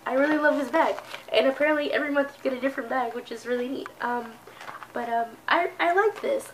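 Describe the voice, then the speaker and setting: A woman's voice: fairly high pitch, a bit bright, slight background noise, poor audio. A young woman vlogger who says she is congested, chatting about beauty products with lots of ums and little laughs. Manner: rambling, halting, many ums and laughs. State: congested, sounds sick. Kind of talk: casual unboxing vlog.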